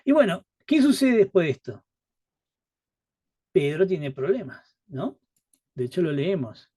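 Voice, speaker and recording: A man teaches a live Bible study in a casual, conversational way. His voice sits a little high, recorded dry and close. He peppers his talk with rhetorical questions and acts out the lines he quotes. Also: sing-song, a little slow, mellow, slightly rough, dry recording.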